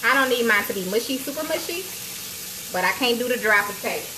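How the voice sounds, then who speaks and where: Cooking at home, a woman hosts a casual livestream cooking chat, playfully calling her viewers y'all. She talks quickly and expressively in a fairly high voice into a phone on a small tripod roughly arm's length away, with the sizzle of frying grease clearly audible around her.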